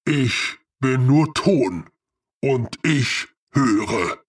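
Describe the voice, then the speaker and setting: A man voicing a huge male clay golem who speaks slowly with unshakable calm. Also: medium pitch, husky, distant mic, voice pushed down, heavily acted. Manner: slow, even and unshakably calm. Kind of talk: audiobook character voice.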